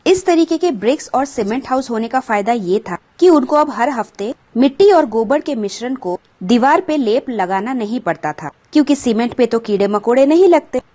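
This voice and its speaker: High-voiced woman teacher explaining a lesson. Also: animated, normal speed, hardly any pauses, darkish tone. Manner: patient explaining, glosses English words, asks pupils questions. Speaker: school teacher. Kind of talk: explaining a textbook chapter to children.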